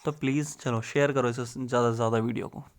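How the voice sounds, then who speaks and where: A man's voice: medium pitch, steady tone, quick pace. A young man teaching exam tips in a casual, rustic way, calling his viewers brother and friend.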